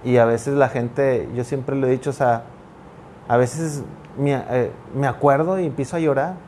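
A man in a reflective podcast chat, speaking earnestly and pausing to restart his thoughts. His voice sits at a middle pitch, with faint noise in the background. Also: fairly even intonation, a little mellow. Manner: earnest, halting with frequent restarts. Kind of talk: reflective conversation.

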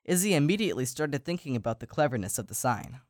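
A man co-hosting a podcast and reading a children's story aloud, slowing down for emphasis. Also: medium pitch, very animated, no room sound, clean studio sound. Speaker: podcast co-host and story reader. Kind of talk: storybook narration.

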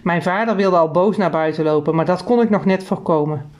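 A woman narrating a children's story in a lively, expressive reading. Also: lowish voice, fairly quick.

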